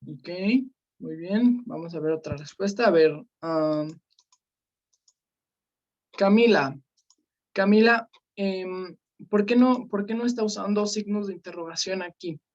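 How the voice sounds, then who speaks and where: A woman teaching an online class, calling on students by name and filling pauses with "este" and "eh". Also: medium pitch, a little mellow. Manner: questioning students by name, many fillers. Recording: slightly dull lo-fi sound.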